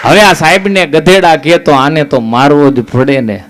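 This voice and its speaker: A man's voice: on the high side, fairly even intonation, normal speed, crowd noise, noisy background. A man telling jokes on stage in a live stand-up comedy show, acting out little stories with quoted dialogue.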